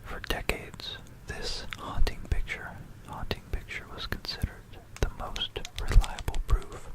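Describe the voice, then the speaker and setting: Whispering breathily into a close stereo binaural mic, an ASMR host walks through history very slowly and deliberately. There are frequent pauses and softly repeated phrases, and the recording is rough.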